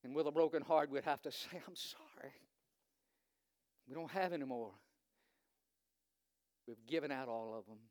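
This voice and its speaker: A visiting preacher from Virginia, speaking with a Virginian accent, delivers a sermon in a medium-pitched, slightly mellow voice at a moderate pace with long pauses. He is fervent, building to emphatic repetition and frequently saying "uh." The studio-quality recording has no room sound.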